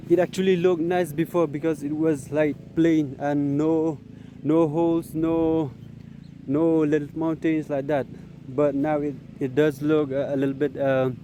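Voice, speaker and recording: Mellow Northeast Indian man, casual vlogger. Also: a little high, slight background noise. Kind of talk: casual running vlog. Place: outdoors on an open grass field.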